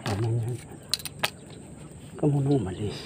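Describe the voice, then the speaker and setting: Hushed Filipino man on a lake. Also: mid-range voice, normal speed. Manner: hushed murmuring while stalking fish, louder when moving spots. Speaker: vlogger hunting fish alone. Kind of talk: casual vlog commentary. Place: outdoors on a boat on a weedy lake. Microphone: action camera. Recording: outdoor ambience noise, wind.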